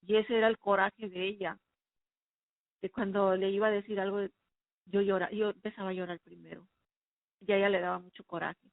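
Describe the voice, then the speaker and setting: A woman's voice: mid-range voice, little pitch movement, fairly quick, gravelly, pauses often, no room sound. Woman with a dry, phone-like sound. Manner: earnest, emotional recounting. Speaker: person giving a faith testimony. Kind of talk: personal testimony.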